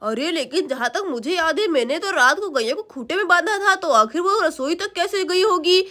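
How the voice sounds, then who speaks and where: A woman voicing a calm village father in a lowered, mock-deep man's voice. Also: moderate pace, full character voice.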